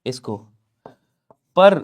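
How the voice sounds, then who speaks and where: A man teaching an exam-prep Hindi lesson, working through questions and answering for his students in an animated way. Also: drawn-out words. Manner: animated, chanting examples and answering for the class; talks to viewers directly with tag questions.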